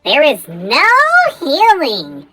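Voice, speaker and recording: A male streamer talking through a high-pitched chipmunk voice filter, giving playful live game commentary that exclaims and stammers. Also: wildly swooping pitch, takes it slowly, sharp tone, soft background music, exaggerated voice.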